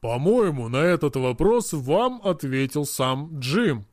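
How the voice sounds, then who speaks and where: A man voicing a calm older man who answers a reporter's questions in a measured, reflective way. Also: a little high, no room sound, clean studio sound. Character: calm older man, old friend of a famous designer.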